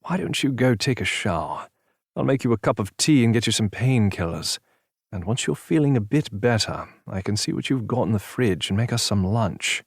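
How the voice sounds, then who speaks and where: A man playing gentle teasing best friend, amused, low voice, dry sound. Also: lively intonation, normal speed, slightly rough, dry recording. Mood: caring. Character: concerned, teasing young male best friend.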